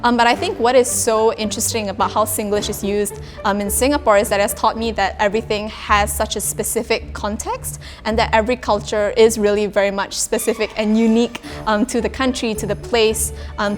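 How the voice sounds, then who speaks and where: A woman's voice: medium pitch, fairly even intonation, brisk, few pauses. Young woman explaining casually. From Malaysia. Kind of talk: casual explanatory interview talk. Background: music.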